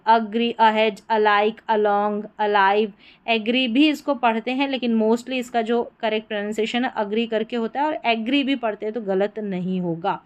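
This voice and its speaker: A woman teaching English pronunciation rules, slowly drilling word after word. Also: a little high, clear, resonant tone, highs cut off. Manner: slow, patient word-by-word drilling. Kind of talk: explanatory lesson.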